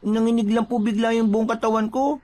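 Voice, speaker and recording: A man's voice: very high voice, little pitch movement, a little fast, a little mellow, pitched above the performer's own voice. A man voicing a timid, sensitive young village boy who speaks politely and respectfully.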